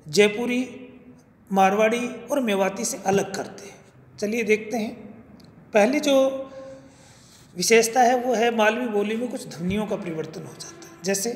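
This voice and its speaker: A man giving an academic lecture, speaking deliberately and repeating each example word. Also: high voice. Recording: echoey room, long reverb.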